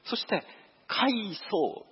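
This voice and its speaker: A man preaching a storytelling sermon, lively and acting out voices and sound effects. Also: drawn-out words. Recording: dull lo-fi recording.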